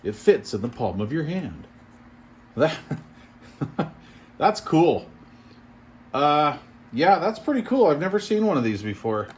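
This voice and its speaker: In a fairly high, sing-song voice, a man reviews a product he's unboxing, speaking slowly and pausing often. His casual commentary is thinking aloud with mild, impressed remarks, and the room ambience and background noise come through clearly.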